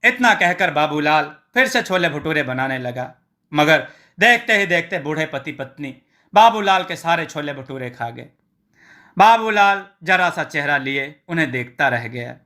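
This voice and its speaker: A man reading a scripted story in a steady, plain way and voicing every character himself. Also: fairly high pitch, a little slow.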